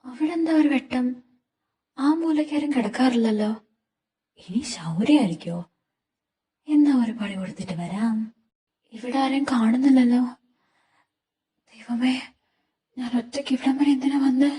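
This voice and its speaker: A woman voicing a frightened young man locked in a dark room, pleading and sobbing in panic. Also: sits high, fairly quick, natural voice. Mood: nervous. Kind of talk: fan audio drama acting. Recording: roomy, distant amateur recording.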